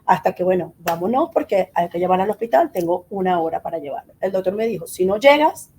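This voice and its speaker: A middle-aged woman, a guest in an interview telling a personal story with lively acted-out dialogue. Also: lowish voice, fast, slight background noise. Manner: animated, acts out quoted dialogue.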